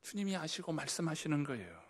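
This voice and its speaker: Male pastor, loud then whispering. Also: a little high, big pitch swings, fast. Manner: dramatic swings from loud emphasis to hushed whispers; addresses the congregation directly with questions. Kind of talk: sermon. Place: church service.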